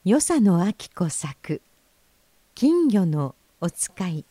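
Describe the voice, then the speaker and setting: A woman hosting and narrating a children's story in a gentle, expressive reading voice on a close mic. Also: on the low side, extremely slow, no echo. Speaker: host and narrator.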